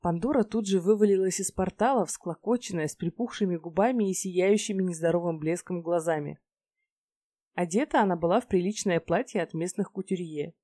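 A woman narrating a first-person fantasy romance audiobook in a wry, lively storytelling manner. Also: lowish voice, a little fast, no room sound.

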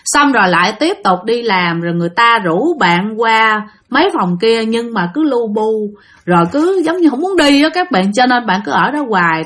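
Brief: Southern Vietnamese woman, chatty storytelling host, talks straight to listeners, fairly high voice. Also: a bit bright. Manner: chatty, addresses listeners directly. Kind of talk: casual storytelling narration.

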